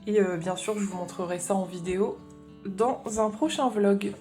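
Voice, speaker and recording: A woman's voice: medium pitch, normal speed, a little mellow, soft background music. A woman chatting casually in a haul vlog, explaining her craft supplies as she thinks aloud. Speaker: craft vlogger.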